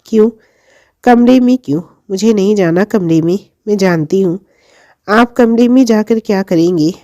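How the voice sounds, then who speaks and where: A woman's voice: medium pitch, normal speed, warm tone, no echo, studio quality, natural voice. A woman voicing a tipsy young wife who talks in a childish, pouting, sing-song way. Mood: protesting.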